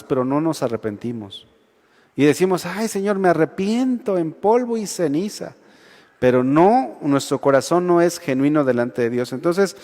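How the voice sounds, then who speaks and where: A man's voice: high voice, darkish tone. A man with a Mexican accent preaching a sermon to young adults in a conversational way, often asking his listeners whether they agree. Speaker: youth pastor. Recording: long reverb of a large hall.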